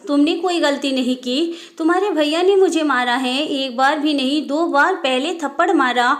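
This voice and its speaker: A woman's voice: sits high, normal speed, natural voice. A woman voicing a hurt, angry young wife. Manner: sharp and curt.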